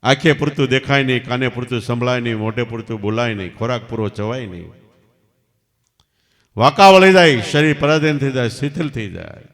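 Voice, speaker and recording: A man giving a devotional storytelling sermon as a spiritual teacher, swinging sharply between loud and soft. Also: mid-range voice, a little fast. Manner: emphatic, rising and falling sharply in loudness. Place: large hall at night satsang. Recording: long hall reverb.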